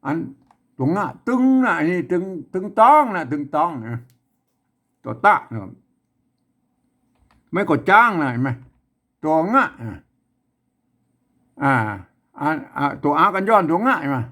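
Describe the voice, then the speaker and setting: A man's voice: on the high side, very animated, measured pace, pauses often, fairly bright tone. A man teaching a casual spoken lesson, repeating himself and talking with many fillers. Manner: repetitive, rambling, with many fillers.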